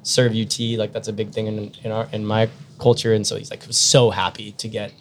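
A man's voice: lowish voice, level tone, brisk, slight background noise. Rambling man telling stories in casual chat. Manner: rambling storyteller, lots of fillers and restarts. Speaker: podcast regular telling travel stories.

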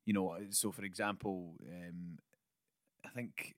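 A man with a fairly low voice tells long anecdotes on a casual podcast, explaining at length. His voice is recorded dry and close. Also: steady tone, slow, dry recording. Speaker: podcast co-host.

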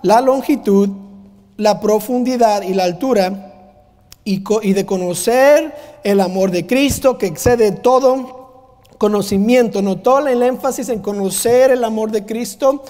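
A man's voice: high voice, a little slow, darkish tone. A male pastor preaching a sermon, emphatic and full of rhetorical questions. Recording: long hall reverb.

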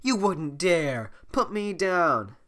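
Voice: lively intonation, moderate pace. A sick-sounding reader voicing a demanding, indignant young princess in an amateur script reading. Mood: furious. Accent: slips into a Scottish lilt. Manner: high, sharp and insistent. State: sick, hoarse throat.

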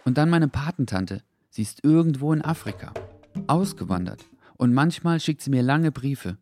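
A man voicing a young, kind-hearted boy in a children's audio story, talking earnestly and gently. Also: medium pitch, expressive, moderate pace, faint music behind, pitched above the performer's own voice, lightly acted. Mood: wistful.

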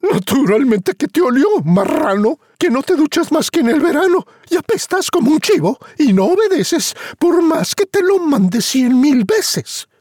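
A man voicing a furious, scolding peasant mother in a storybook, shrieking high. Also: sing-song, measured pace, few pauses, a little mellow, no room sound, clean studio sound, heavily acted.

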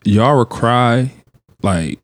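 Animated laughing man telling stories. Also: medium pitch, very slow, dry recording. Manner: laughing storyteller, slangy and animated. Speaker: podcast co-host. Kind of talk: casual chat.

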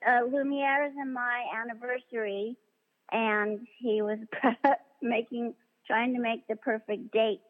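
A woman voice actress being interviewed, telling stories in a chatty, animated way and acting out the dialogue she quotes. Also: on the high side. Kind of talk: casual interview anecdotes. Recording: tinny phone-line sound in a long reverb.

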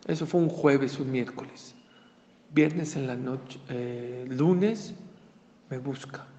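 A man giving a religious talk as a Torah teacher, an animated storyteller who acts out the dialogue. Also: mid-range voice, slow, slight background noise. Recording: dull echoey hall recording.

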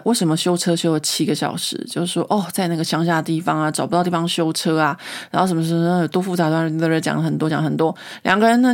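A woman, hosting a podcast and telling a story in a casual, animated way. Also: lowish voice. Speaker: podcast host.

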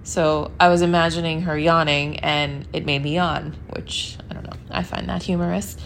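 Female podcast host, lower-pitched, sleepy and rambling, casual solo chat, faint background ambience. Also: fairly even intonation, moderate pace, creaky, a little hiss or hum. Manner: rambling, chatty, with laughs and fillers. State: sleepy, yawning. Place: New York.

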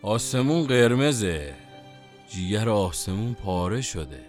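A man's voice: fairly low pitch, very animated, soft background music. A man playing a brooding, feverish taxi driver who muses in cryptic, repetitive fragments in a surreal audio drama. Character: brooding, feverish male taxi driver craving ice lollies.

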